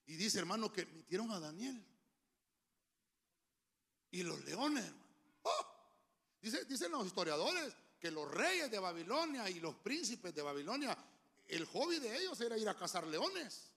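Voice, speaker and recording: A man preaching a sermon, emphatic and humorous, with sudden shouts, into a handheld microphone. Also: sits high, sing-song, measured pace, long pauses. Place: church.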